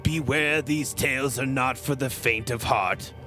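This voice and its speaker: Slow, ominous male horror host acted by a man, theatrical storyteller over music. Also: medium pitch, sharp tone. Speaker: show announcer. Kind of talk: theatrical scripted introduction.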